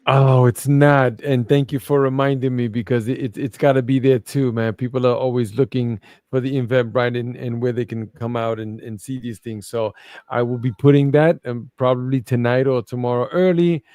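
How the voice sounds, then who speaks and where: A man's voice: medium pitch, fairly even intonation, a little fast, dark tone, no echo, clean studio sound. A man from Brooklyn with a Brooklyn accent, chatting casually and colloquially as a guest promoting an event he organizes. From Brooklyn, New York. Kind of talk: casual promotional interview chat.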